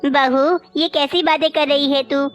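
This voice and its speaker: A woman's voice: high voice, fairly even intonation, measured pace, a bit bright, faint music behind. A woman voicing an old mother crow who complains and pleads, in a cartoon. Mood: wounded. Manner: plaintive, complaining. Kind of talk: cartoon voice acting.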